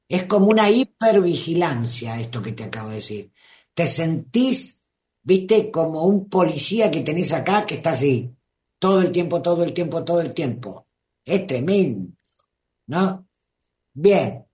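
A woman with a Rioplatense Spanish accent talks her live-stream audience through advice at an unhurried pace. She is emphatic and calls listeners darling and treasure. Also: deep voice, darkish tone.

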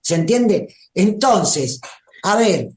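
Slow-talking Argentine woman host. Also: mid-range voice, very animated, a little mellow. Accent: Argentine Spanish. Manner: unhurried, coaxing, often asks "¿se entiende?". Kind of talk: motivational talk to a live audience. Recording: roomy echo.

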